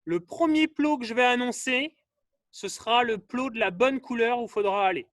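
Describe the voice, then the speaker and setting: A man coaching a live online fitness class, calling out drills and colors in short bursts and urging everyone to go faster. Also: extremely high pitch, a bit bright, no echo, studio quality.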